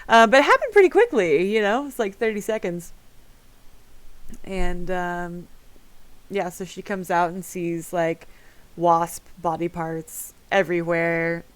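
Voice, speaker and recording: A woman's voice: fairly low pitch, unhurried, no echo, low-quality recording. Giggly woman running a tabletop game. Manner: casual, giggly, lots of fillers. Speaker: game master.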